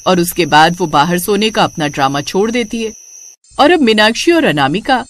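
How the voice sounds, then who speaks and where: Brief: man, high lively voice, comic narration, faint hiss behind. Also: moderate pace. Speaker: storyteller.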